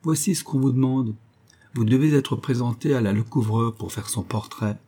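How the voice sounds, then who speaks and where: A man's voice: medium pitch, normal speed, dark tone, natural voice. A man voicing a sinister, mysterious male stranger who speaks insistently and with menace in an audiobook. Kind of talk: audiobook character voice.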